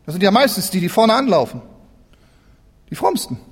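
A man preaching a sermon in a church, lively and dramatic, acting out biblical figures as he tells the story. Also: high-pitched, normal speed, breathy edge, long reverb tail. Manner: animated, acts out biblical figures in dialogue.

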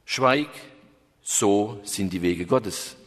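A man voicing a solemn male angel who travels in disguise as a companion, speaking slowly and low in a reverberant hall. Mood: stern. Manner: slow, low, stern.

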